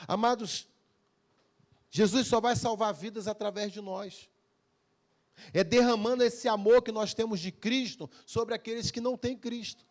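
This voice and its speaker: A man's voice: high-pitched, fairly even intonation, a little slow. A man preaching a Sunday evening sermon as pastor, calling for amens and acting out everyday conversations. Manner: preaching with call-and-response, acting out everyday dialogues. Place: church service.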